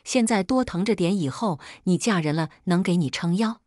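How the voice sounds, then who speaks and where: Brief: meek pleading mother, soft and apologetic, read by a woman. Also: fairly low pitch, lively intonation, normal speed, no echo, studio quality. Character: timid, pleading village mother, weepy.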